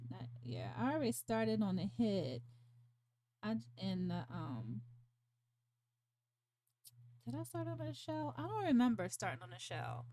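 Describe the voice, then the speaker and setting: A woman's voice: on the high side, mellow. A woman hosting a casual crochet livestream from home, chatting, laughing often and counting stitches aloud. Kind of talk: casual chat while crocheting.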